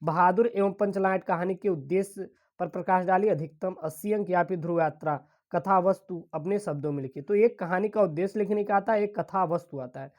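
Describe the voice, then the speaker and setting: A woman teaches an exam-prep lesson in a slightly low voice. She explains each question step by step, keeps addressing her students as dear children, and reads literary passages aloud slowly. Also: a little mellow.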